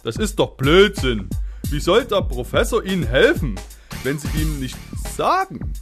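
A man's voice: on the high side, sing-song, a little slow, soft background music. A man voicing an insistent, tattling know-it-all friend in a children's puppet play.

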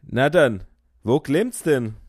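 A man's voice: medium pitch, expressive, takes it slowly, dry recording, clean studio sound. A man voicing a kindly, cheerful professor in a children's puppet play, friendly and questioning.

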